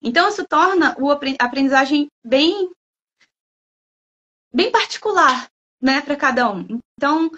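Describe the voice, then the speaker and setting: A woman from Brazil, a guest speaker who talks in a lively, playful way and acts out imagined students' lines. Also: high voice, moderate pace, long pauses, muffled recording. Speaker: guest speaker, language school head. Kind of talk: lively talk in a livestream.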